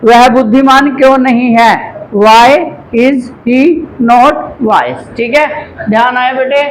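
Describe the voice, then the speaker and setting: High-voiced Hindi-speaking male English teacher. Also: a little hiss or hum, poor audio. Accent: Haryanvi Hindi. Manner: coaching students, calls them beta. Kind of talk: classroom lesson. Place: classroom.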